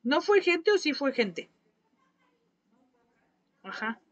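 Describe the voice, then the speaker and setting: Teaching a live painting class on lo-fi audio, this Mexican-accented craft teacher chats and gossips with her viewers while she paints. She speaks slowly in a high, sing-song voice.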